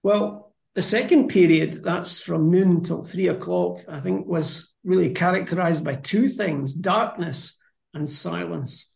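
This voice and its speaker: A man's voice: high voice, a little slow, creaky, a little mellow, reverberant. A man co-hosting a conversational Bible discussion, explaining passages in a thoughtful, earnest way. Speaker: Bible study co-host.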